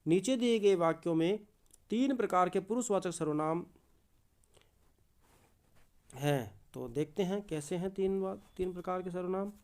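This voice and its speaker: A man's voice: sits high, unhurried, long pauses, darkish tone. A man teaching a lesson, reading a story aloud and explaining it, often repeating key words as questions for the students. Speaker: Hindi teacher.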